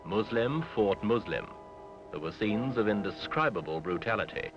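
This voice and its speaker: A man giving grave, measured scripted narration in short phrases for an old newsreel soundtrack. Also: lowish voice, animated. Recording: dull lo-fi 1970s film sound with music.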